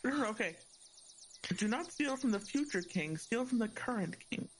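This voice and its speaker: A woman's voice: fairly high pitch, expressive, normal speed. A woman playing a tabletop game, talking in a wry, polite way. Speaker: player. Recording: clear background noise.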